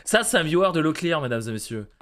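A man's voice: fairly high pitch, very animated, fast talker, fairly bright tone, a little hiss or hum. A young man commentating a horror game, joking crudely and putting on silly voices for the characters. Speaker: gaming streamer. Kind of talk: casual let's play commentary.

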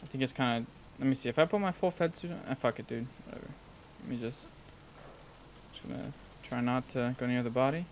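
A man's voice: medium pitch, fairly quick, slight background noise. A young man giving casual gameplay commentary in slangy, sweary frat-bro talk. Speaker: gaming video host.

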